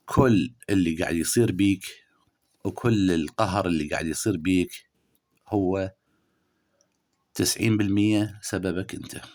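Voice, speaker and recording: A spiritual astrology reader with an Iraqi Arabic accent addresses the listener directly with a horoscope reading. He is preachy and scolding, swinging between loud, emphatic bursts and low murmurs.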